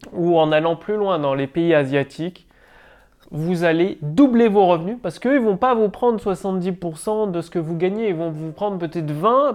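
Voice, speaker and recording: A man from France talks straight to camera in a loose, conversational vlog style, dropping casual fillers and punchy asides. Faint music plays quietly underneath his voice. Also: high-pitched. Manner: chatty and informal, punctuated with "bah" and "boum". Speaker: entrepreneur vlogger.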